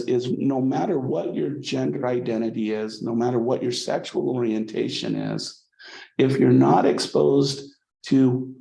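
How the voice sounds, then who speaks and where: The psychology instructor's mid-range voice is creaky and dark, captured in a rough, roomy recording. He lectures his college class conversationally, often asking "okay?" to check in with students. When he restarts a thought he repeats words.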